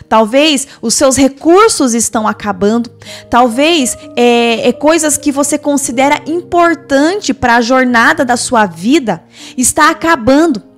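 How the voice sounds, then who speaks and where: A woman preacher giving a morning devotional sermon, emphatic, with quick asides and slow, stressed phrases. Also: on the high side.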